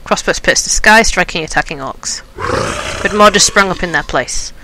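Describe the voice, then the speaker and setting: A man's voice: sits high, normal speed, noisy background. A man playing a game, reading its story aloud and thinking aloud in a chatty way. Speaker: game player and reader. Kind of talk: game playthrough with read-aloud narration. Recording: loud game music behind.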